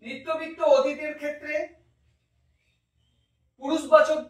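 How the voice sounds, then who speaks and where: A man with a very high voice teaches a grammar lesson step by step, slowly drawing out words to show how they sound. He stands well away from the microphone in a strongly echoing room. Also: little pitch movement. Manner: methodical, drawing out words slowly to model pronunciation. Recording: very echoey room, mic far off.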